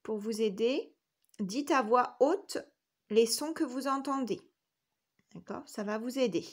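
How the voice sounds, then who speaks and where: Her fairly high voice moves at a measured pace as she teaches spelling to young children on a recording. The kindergarten teacher patiently sounds out each letter and syllable.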